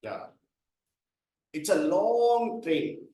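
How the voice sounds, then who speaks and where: A man's voice: high voice, expressive, drawn-out words, warm tone. Echoey man teaching gestures. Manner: explains patiently, calls up volunteers. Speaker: workshop presenter. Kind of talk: interactive speaking workshop. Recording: echoey hall, mic from far off.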